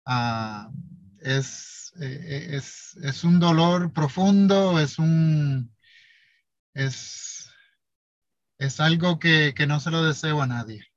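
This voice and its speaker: A man talking haltingly and heartfelt in a casual conversation, sharing a personal experience as a guest. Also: a little high, dry recording. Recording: dull lo-fi sound.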